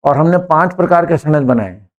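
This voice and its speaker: A man's voice: a little high, animated, fast talker, highs cut off. A man teaching an English class, joking and quizzing students one by one.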